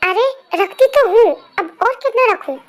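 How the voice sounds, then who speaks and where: A woman voicing a patient, gentle pregnant wife in a fan story narration, speaking soothingly. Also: very high-pitched, animated, measured pace. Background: faint music.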